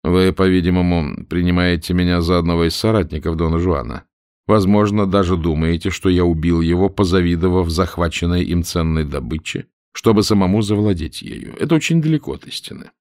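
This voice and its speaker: A man playing a cold, calm pirate captain who speaks with mocking irony. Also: deep voice, fairly quick, dry recording, clean studio sound. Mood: bitter.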